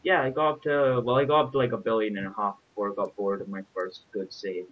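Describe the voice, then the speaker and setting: A man's voice: lowish voice, level tone, fast. A young man chatting casually while playing a game, with wry banter. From Scotland. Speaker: gaming channel host. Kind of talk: casual gaming commentary. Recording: dull hissy home mic.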